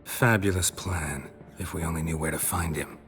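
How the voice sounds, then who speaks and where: Weary middle-aged monster hunter, extremely deep voice, terse, deadpan, game music. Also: male voice, moderate pace. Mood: dry terse. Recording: game audio with clear music behind.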